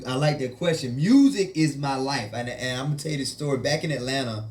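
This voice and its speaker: A man's voice: medium pitch, quick pace. A man who grew up in Haiti, a musician guest chatting casually in an interview in a laid-back way, often saying "you know" and "man".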